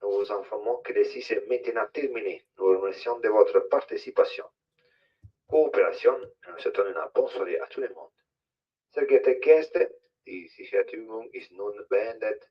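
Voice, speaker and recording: A man making a polite, formal announcement over a ship's loudspeaker. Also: lowish voice, brisk, husky. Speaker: ship announcer. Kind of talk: formal public address announcement. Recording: distant muffled loudspeaker in a cabin.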